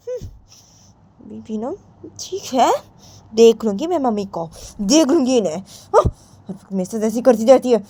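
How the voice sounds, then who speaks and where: A woman's voice: high voice, warm tone, voice pushed up. A woman voicing a defiant young woman who whines, argues back and repeats herself in a storybook tale. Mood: grumbling. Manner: whiny, argumentative, repeats herself.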